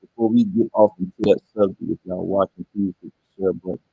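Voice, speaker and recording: A deep-voiced man chats loosely with his viewers on a livestream. His voice is husky, and the dull audio makes him sound muffled, as if through a wall. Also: fairly even intonation, fast, no echo. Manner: laid-back, rambling, talks straight to his viewers. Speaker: livestream host. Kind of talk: casual livestream chat.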